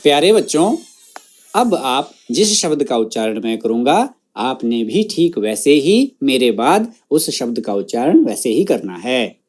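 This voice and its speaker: A man's voice: mid-range voice, big pitch swings, measured pace, a little mellow. A male teacher reading a school Sanskrit lesson aloud, reciting word by word so that students can repeat after him.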